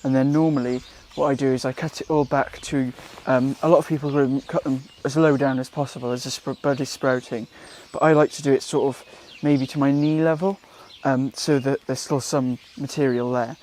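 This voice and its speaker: A young man from Wales talks casually through his garden jobs, mid-pitched and unhurried. He fills gaps with ums and corrects himself as he goes. He is recorded outdoors with faint birdsong behind him. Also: slight background noise. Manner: relaxed, chatty, with frequent ums and self-corrections. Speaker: gardening vlogger. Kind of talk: casual how-to vlog.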